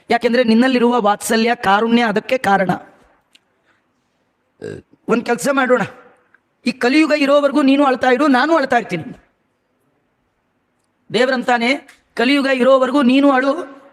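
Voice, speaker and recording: Male religious scholar, very high voice, sermon style: chants verses, then talks them through, with questions thrown to the audience. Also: fairly bright tone. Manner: asks the audience questions and answers them himself; homely examples, conversational asides to listeners. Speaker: religious scholar giving a discourse. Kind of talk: devotional sermon on scripture.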